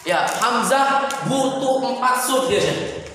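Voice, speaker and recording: Guy teaching tajwid, sings out the examples, high voice, big echoey room. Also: takes it slowly, a little hiss or hum. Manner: lively, chants example words in recitation tones. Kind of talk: Quran recitation lesson to a class. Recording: roomy hall, voice from a distance.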